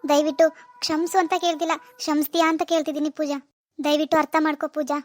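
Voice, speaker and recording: A woman's voice: high voice, flat delivery, fast talker, no echo, natural voice. A woman playing a remorseful middle-aged mother-in-law who earnestly begs her daughter-in-law's forgiveness in a homemade family drama skit. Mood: pleading. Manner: earnest, pleading, apologetic.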